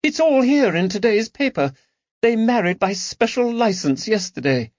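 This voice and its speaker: A bitter, distressed society lady in her forties comes through as a male narrator voices her high, loud, tremulous and theatrical, each line rising with her upset. He is very animated at a normal speed, and the recording is dry, slightly dull, and free of room sound.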